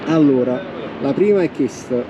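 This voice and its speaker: A man's voice: medium pitch, lively intonation, normal speed, recorded from a distance. A man with a Neapolitan accent conducting a casual street interview with short prompts and agreeing interjections. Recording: dull, noisy outdoor street recording.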